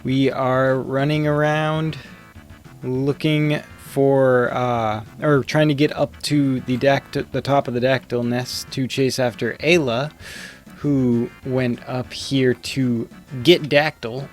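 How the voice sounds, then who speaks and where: Man, mid-pitched, unhurried, casual game streamer, rambling and thinking aloud, faint music behind. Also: steady tone. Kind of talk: casual live gameplay commentary.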